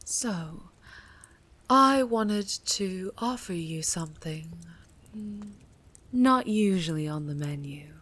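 Woman playing a breathy shapeshifting warlock patron. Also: mid-range voice, expressive, a bit bright, heavily acted. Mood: sultry teasing. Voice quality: breathy, whispery. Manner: teasing, purring, slow. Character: seductive otherworldly female warlock patron, teasing and possessive. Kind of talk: audio roleplay.

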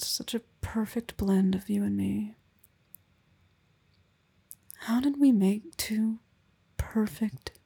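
A woman playing an affectionate young wife and mother, speaking softly and intimately, often in a whisper, in an ASMR roleplay close to the mic. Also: medium pitch, heavily acted. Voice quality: breathy. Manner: soft, intimate, often whispered, with small laughs. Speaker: roleplay performer. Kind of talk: soft-spoken ASMR roleplay.

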